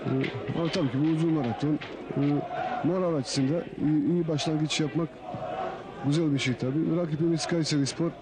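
Slightly high-voiced man in sports interview. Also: steady tone, a little fast. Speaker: football interviewee from a team. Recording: outdoor interview with crowd noise.

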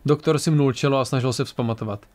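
A man's voice: medium pitch, steady tone, a little mellow. A man narrating an amateur audiobook in a plain reading voice with occasional restarts.

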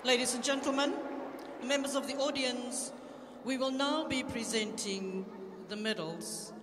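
High-voiced man announcing in a hall. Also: over loud music. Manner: formal, measured announcing. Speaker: arena announcer. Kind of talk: public address announcing. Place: large indoor sports arena. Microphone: PA system heard through the hall. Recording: long reverb of a big sports hall.

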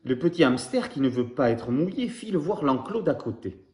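A man's voice: medium pitch, normal speed. A man reading a picture book aloud to young children, talking to them directly and then quizzing them. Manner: animated, addresses children directly. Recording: roomy echoey room.

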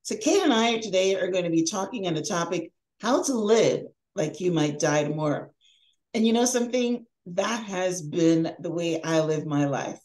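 Her voice sits on the low side, slightly mellow and animated, at a normal speed as this middle-aged podcast host and life coach reads an upbeat, emphatic introduction. The scripted intro and interview take place over a video call from a home room, with poor audio.

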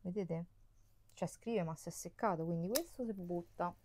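A woman's voice: fairly low pitch, moderate pace, noisy background. A young woman, chatting casually and exclaiming often as she sorts through makeup at home. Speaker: beauty vlogger. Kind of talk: casual chat while decluttering makeup. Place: indoors at home, on a bed. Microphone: camera mic, face off-screen.

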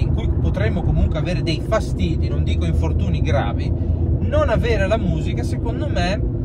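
A young man in his twenties with an Italian accent, giving casual gym advice to camera from his parked car and talking to his viewers directly. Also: sits high. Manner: chatty, gesturing with his hands, addresses viewers directly. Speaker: fitness vlogger. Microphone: phone camera on the dashboard. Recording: loud car and street noise.

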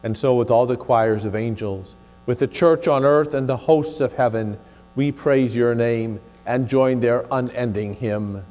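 A man in his sixties, a presiding pastor reciting communion prayer in a solemn, measured way in a large, echoing church. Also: medium pitch, darkish tone, a little hiss or hum. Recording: long cathedral-like echo, faint music.

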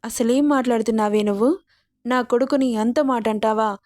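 A woman's voice: fairly high pitch, normal speed, darkish tone, no room sound, studio quality, natural voice. A woman voicing a protective middle-aged mother who scolds in an indignant way in a storybook reading. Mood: scolding, indignant. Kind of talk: storybook narration.

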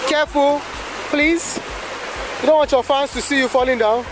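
A woman's voice: sits high, steady tone, moderate pace, background noise. A young woman travel companion, chatting casually and teasing her friend while filming. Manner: playful, teasing. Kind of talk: casual chat.

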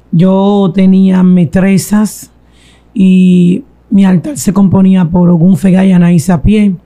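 A woman giving a slow, reflective confessional testimony in an interview. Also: fairly low pitch, mellow. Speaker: guest telling her testimony.

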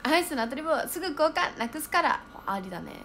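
A young woman chatting casually on a livestream, reading viewer comments aloud and thinking out loud as she reacts. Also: sits high, very animated, fast, slight background noise.

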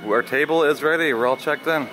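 A man in his thirties hosts a vlog, talking casually and upbeat to viewers in a slightly high, pushed, bright voice at a fairly quick pace. He's recorded on a handheld camera at arm's length along outdoor resort walkways and partly inside a restaurant, with music behind him and poor audio.

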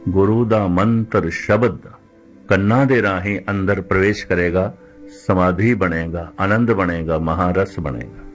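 An older man giving a measured religious discourse, repeating phrases and slowing down to recite scripture. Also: low-pitched, soft background music. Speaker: Sikh preacher giving katha.

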